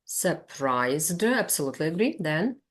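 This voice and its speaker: Slow, low-voiced teacher with a Ukrainian accent. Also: female voice, very animated. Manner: patient, repeats words slowly to model pronunciation. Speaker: teacher trainer. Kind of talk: online teacher-training lesson.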